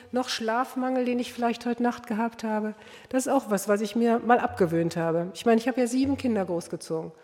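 Older woman, earnest sermon, addresses listeners directly, mid-pitched voice, long reverb of a hall. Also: mellow.

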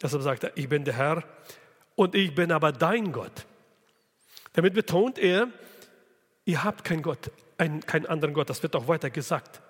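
A man's voice: on the high side, lively intonation, slightly rough, long reverb tail. A man preaching a sermon on a Bible passage, asking the listeners questions and answering them. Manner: slow, deliberate preaching with rhetorical questions.

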